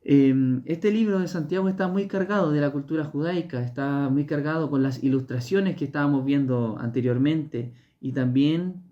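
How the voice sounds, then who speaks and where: A Chilean-accented man preaches a sermon in a calm, unhurried way, often repeating a word and pausing on fillers as he searches for the next phrase. His voice is mellow and soft-edged. The sound is dull and lo-fi, like an online church stream. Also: a little high. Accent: Chilean Spanish. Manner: measured, repeats words, hesitant fillers.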